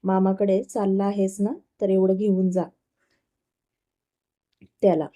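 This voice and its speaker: A woman voices a middle-aged mother in a spoken family story. She is fond of her son and gently bossy with him. Her tone is mellow and homely. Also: medium pitch, flat delivery, slow pace, natural voice.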